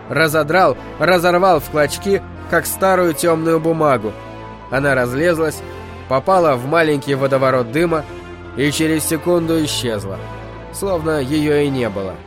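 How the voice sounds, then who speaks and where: A man's voice: on the high side, normal speed, music in the background. Man narrating an audiobook. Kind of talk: scripted narration.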